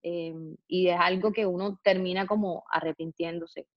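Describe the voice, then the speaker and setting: A woman's voice: on the low side, fairly even intonation, no room sound, lo-fi sound. A woman answering interview questions, reflective and hesitant, with frequent fillers and restarts. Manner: hesitant, many fillers and restarts, slow thoughtful phrasing. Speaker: interview guest, public figure.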